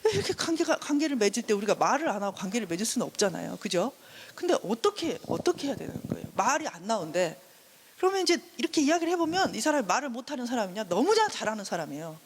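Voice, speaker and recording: Animated woman lecturing in a reverberant hall. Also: a little high, fast, husky. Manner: animated, acts out parent and child lines. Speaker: counseling lecturer. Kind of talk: classroom lecture.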